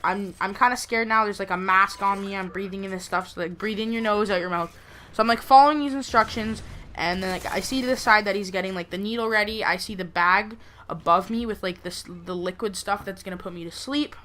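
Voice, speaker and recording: A young woman talks casually, as in a personal gameplay commentary. Her voice is bright and sharp-edged, at an average pitch for a woman. She rambles through her story with plenty of conversational filler. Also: brisk, a little hiss or hum. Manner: rambling, frequent "like" and "you know". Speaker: gameplay video creator.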